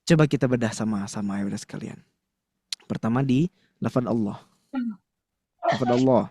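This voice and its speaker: A man's voice: mid-range voice, moderate pace, dark tone, dry recording. A man teaching a Quran recitation class to a live audience, chatty and full of fillers, often stopping to quiz the room. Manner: conversational, filler-heavy with frequent "nah", quizzes the audience.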